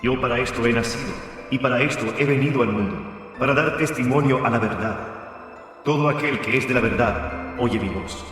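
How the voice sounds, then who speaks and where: A man voicing Jesus in a dramatized scripture reading, calm, measured and solemn. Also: mid-range voice, close to an everyday voice. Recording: reverberant hall with music behind.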